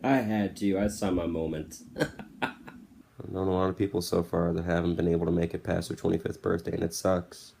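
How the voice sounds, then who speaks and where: Low-sitting and dark, this man's voice is level and brisk with vocal fry, and there's a little hiss or hum. He's a podcast host in his twenties giving a blunt, candid, casual motivational monologue with music playing behind him.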